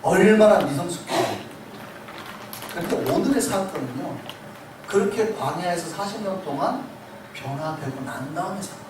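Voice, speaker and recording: Male pastor preaching with animated storytelling; picked up from far off, with room noise. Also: high voice, moderate pace, pauses often. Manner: animated storytelling, acts out quoted voices. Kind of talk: sermon. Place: church sanctuary. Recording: echoey sanctuary, distant mic, noisy.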